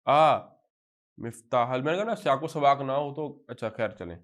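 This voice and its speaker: A man's voice: medium pitch, a bit bright. Pakistani man teaching a drill class. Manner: drills examples slowly, then explains in quick bursts. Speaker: Arabic teacher. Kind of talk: classroom lecture.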